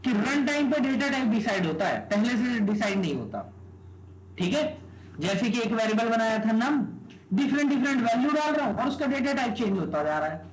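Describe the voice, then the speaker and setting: With an extremely high, sing-song voice and a brisk pace, a man teaches programming in a live classroom lecture. He tosses rhetorical questions at the students and often asks "okay?", and the room is echoey with background noise.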